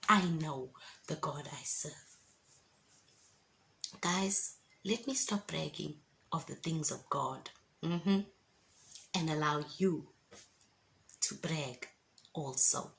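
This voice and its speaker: A fifty-something woman shares a faith testimony in a casual vlog. Her voice is gravelly and fairly low, and she talks slowly, with emphatic, encouraging asides. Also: a bit bright, slight background noise. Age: 50s. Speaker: vlogger giving a testimony.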